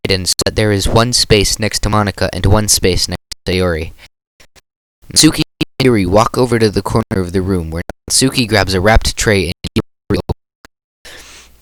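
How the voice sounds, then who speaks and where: A man's voice: fairly low pitch, a bit bright, low-quality recording. A man narrating a visual novel aloud in a casual, stumbling reading style.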